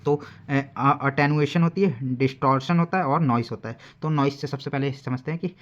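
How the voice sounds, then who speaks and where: A man teaching an exam-prep lecture at a middle pitch. He walks through each point with plain everyday examples and fills his pauses often. The recording is a little dull and lo-fi. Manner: explains in simple everyday examples, many fillers. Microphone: recording alone at a desk.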